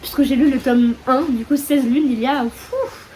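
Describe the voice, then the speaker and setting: A woman's voice: high-pitched, steady tone, brisk, mellow. A young woman with a French accent chatting casually about books at home, with many fillers and self-mocking asides. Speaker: book vlogger. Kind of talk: casual chat. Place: room at home with open windows, storm outside. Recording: faint wind and rain noise. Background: wind and rain.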